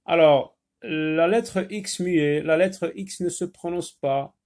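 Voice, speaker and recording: A man teaching a French phonics lesson, slowly repeating and stressing each sound for young learners. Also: on the high side, darkish tone.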